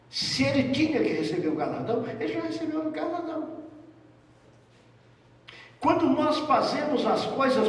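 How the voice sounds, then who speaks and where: A high-voiced Brazilian man preaches in a relaxed, joking way. His voice carries through a big, echoing church hall, picked up from a distance by a mic far from him. The reverb rings long after each phrase. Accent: Brazilian Portuguese. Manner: conversational, jokes with the congregation. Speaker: pastor. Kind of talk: sermon.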